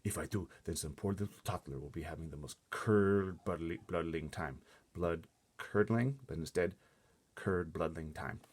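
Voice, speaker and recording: A man voices a huge, excitable storybook giant who is kindly but easily agitated, speaking with muddled folksy grammar and theatrical exclamations. Here his deep voice, at normal speed, sounds fierce and exasperated.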